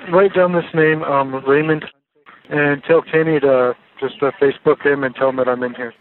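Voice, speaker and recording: A man, a jail inmate, talking on a recorded jail payphone call, hurried and halting with many fillers. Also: on the high side, steady tone. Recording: tinny recorded jail phone line.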